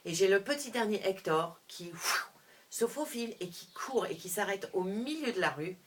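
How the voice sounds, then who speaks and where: Lively middle-aged woman telling a story. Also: mid-range voice, moderate pace. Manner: animated, restarts often, shifts between hushed and loud. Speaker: vlogger. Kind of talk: personal storytelling monologue.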